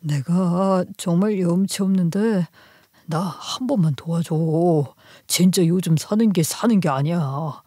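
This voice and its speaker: A woman's voice: mid-range voice, a little fast, a little mellow, no echo, natural voice. A whining, self-pitying middle-aged ex-husband, put on by a woman narrator in a story radio drama, pleading and wheedling in a plain mid-range voice. The sound is dry and close, with no room around it. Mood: begging.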